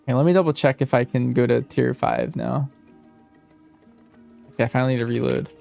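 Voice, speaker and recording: A man's voice: mid-range voice, fairly even intonation, a little fast, creaky, a little mellow, faint music behind. A man casually chatting with viewers and answering questions as he streams a game. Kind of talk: casual chat with stream viewers while gaming.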